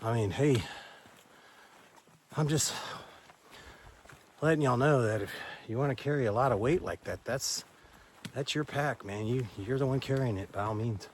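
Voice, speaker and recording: An older man with a drawl talks into a handheld camera on a forest trail. His voice sits mid-pitched, and he rambles in a folksy way as he hands out friendly advice. A faint noise runs under the outdoor recording. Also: moderate pace, pauses often. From Texas. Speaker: hiker vlogger. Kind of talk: casual trail vlog.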